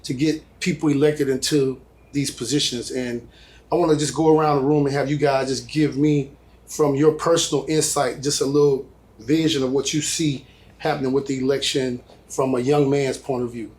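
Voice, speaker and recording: A man's voice: medium pitch, fairly even intonation, moderate pace, darkish tone. A man hosting a panel discussion, asking questions in a loose way and often saying "like" and "just". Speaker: panel host.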